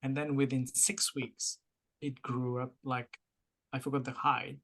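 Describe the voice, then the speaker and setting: A man's voice: mid-range voice, level tone, unhurried, a bit bright. A man with a French-Mauritian accent co-hosting a podcast, talking casually and motivationally, explaining through analogies with encouraging repetition. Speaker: podcast co-host.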